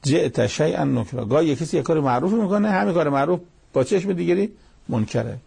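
A man's voice: fairly high pitch, lively intonation, creaky, darkish tone, breathy edge. A man giving a religious lecture, explaining with everyday examples and quoting Arabic verses.

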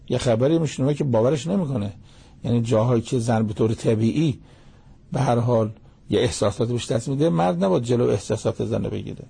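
A man's voice: medium pitch, warm tone. An older man giving sermon-style Quran commentary, reciting Arabic verses and then explaining them in colloquial speech. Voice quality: gravelly, husky voice. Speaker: Quran teacher.

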